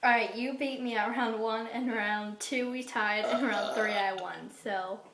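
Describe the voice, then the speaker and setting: A woman's voice: a little high, fairly even intonation, unhurried. A young woman chatting casually and giggly to camera, silly in manner, recorded on a phone. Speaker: amateur video maker. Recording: echoey room, clear background noise.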